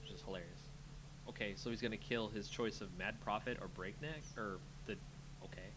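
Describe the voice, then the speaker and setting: Against a noisy background, a card game channel host with a low, steady voice briskly comments live on the game he's playing. He talks to himself playfully as he thinks, muttering and filling the gaps with sing-song filler.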